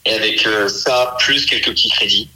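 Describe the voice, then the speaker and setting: A man in his twenties, a comedian guest in a casual radio interview, chatty and relaxed with many fillers. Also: on the low side, normal speed, poor audio. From France. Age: 20s.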